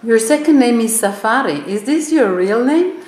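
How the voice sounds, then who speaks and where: A woman's voice: a little high, lively intonation, normal speed, darkish tone, echoey room. A woman interviewing a guest, asking short, direct questions.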